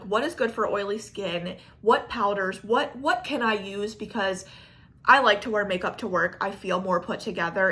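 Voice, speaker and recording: A woman's voice: mid-range voice, pushed and bright. A pregnant young woman talking casually and frankly to camera, rambling with lots of fillers as she reviews used-up makeup. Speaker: beauty vlogger. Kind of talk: casual chatty product review.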